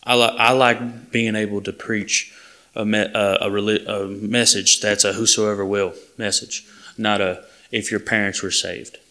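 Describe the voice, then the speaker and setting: A man delivers a sermon to his congregation. His slightly low voice carries an earnest, plain-spoken manner. He often stops and restarts mid-sentence. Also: flat delivery, a little slow, bright, forceful tone. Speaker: preacher.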